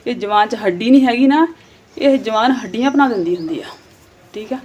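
Her voice is fairly high, brisk and a little mellow, with a breathy edge, though the recording is muffled. She's a vlogger in her thirties from Punjab who, in a Punjabi accent, scolds her viewers in a plain-spoken, casual way.

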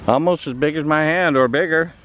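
This older American travel vlogger talks briskly in a slightly high voice while touring a tropical garden with a handheld camera, casually indicating things along the way. The audio is dull, and the camera mic catches outdoor noise.

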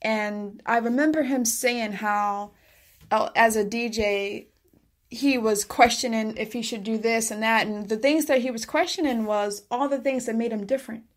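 Female host, a touch high-pitched, warmly affirming guest in casual interview. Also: fairly even intonation, normal speed. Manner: affirming, encouraging, frequent "yes" and "that's so good". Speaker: podcast host.

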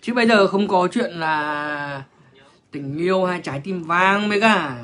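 A man's voice: high-pitched, measured pace, bright, forceful tone. A man, ranting bluntly and crudely to viewers on a livestream. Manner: crude, profane, blunt, lecturing.

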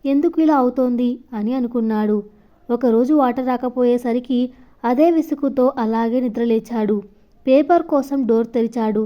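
A woman storyteller reading a scripted story in a steady, even manner. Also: a little high, moderate pace, dull audio.

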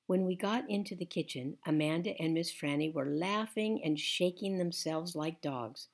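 A woman reading a children's novel aloud in first person, gentle and unhurried. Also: fairly low pitch, creaky. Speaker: audiobook reader. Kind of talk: storybook narration.

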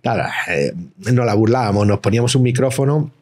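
A man, a rapper guest telling stories in slangy, animated casual chat. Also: medium pitch, a little fast. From Madrid, Spain. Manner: slangy, animated storytelling with acted-out voices.

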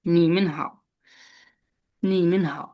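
A man's voice: high-pitched, steady tone, warm tone. Guy teaching chinese on a video call, says syllables over and over, asks the class stuff. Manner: drills syllables slowly, repeating them often; asks questions to the students. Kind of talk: online class teaching pronunciation.

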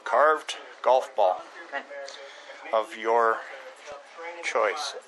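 An older man rambling casually, with many pauses and restarts, into a webcam at close range in a small room at home. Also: mid-range voice, crowd noise, low-quality recording. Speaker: hobby carver and channel host. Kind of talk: casual home video show-and-tell. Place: small room at home with shelves of model trucks. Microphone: webcam close to the face.

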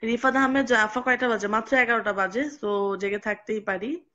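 A woman's voice: on the high side, fairly even intonation, moderate pace, sharp tone, highs cut off. Chatty young woman hosting a live stream. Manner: chatty, reads out names and answers comments with frequent hesitations. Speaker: live stream host reading viewer comments. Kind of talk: casual live chat.

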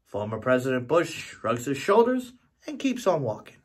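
A middle-aged man, an actor, telling a joke to camera from his home studio in an animated, theatrical way. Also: mid-range voice, moderate pace, slightly rough.

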